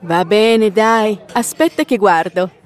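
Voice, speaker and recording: A woman playing a teasing partner in a scripted language-course dialogue, speaking slowly. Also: mid-range voice, close to an everyday voice. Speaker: dialogue actor.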